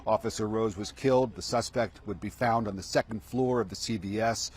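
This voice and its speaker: Male live reporter, fairly low register, halting ad-lib delivery, light outdoor noise. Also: fairly even intonation, darkish tone. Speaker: field news reporter. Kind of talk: live news reporting, ad-libbed. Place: outdoors at the scene. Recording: outdoor street and traffic noise.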